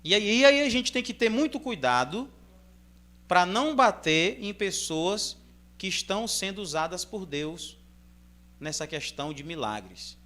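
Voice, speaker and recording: A man with a Brazilian accent, reading scripture aloud in measured phrases and then explaining it in a loose, conversational sermon style. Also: high-pitched, big pitch swings, bright, forceful tone. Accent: Brazilian Portuguese. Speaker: preacher. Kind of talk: Bible reading and informal sermon commentary.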